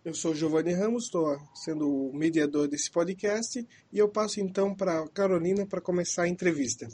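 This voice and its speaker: A man's voice: sits high, moderate pace, a little mellow, breathy edge. A man moderating a podcast, opening it with a formal, scripted introduction and calling on the guests. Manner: formal, announcing.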